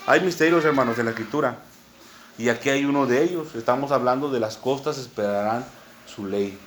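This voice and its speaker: Mexican male preacher, mid pitch, patient teaching sermon, faint noise under the voice. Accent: Mexican Spanish. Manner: unhurried teaching tone, many "¿verdad?" asides, spells words out.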